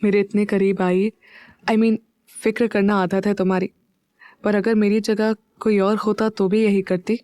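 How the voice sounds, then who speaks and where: Lady voicing a quiet young husband in an audio drama, soft and warm, dry sound. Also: level tone, measured pace, clean tone, no room sound, natural voice. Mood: quiet tender. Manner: soft, low-key delivery.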